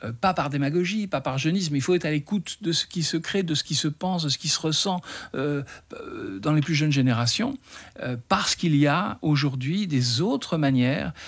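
A man's voice: a little high, expressive, normal speed. A man, a guest in an interview who talks thoughtfully with many fillers and restarts. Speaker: interview guest, teacher trainer. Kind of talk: radio interview conversation.

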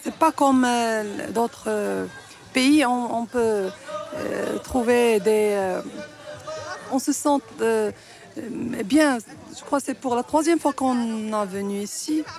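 A speaker from Morocco answering hesitantly, pausing often mid-sentence. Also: medium pitch, creaky, a little mellow. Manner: hesitant, many pauses. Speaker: interviewee. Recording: music playing under the voice.

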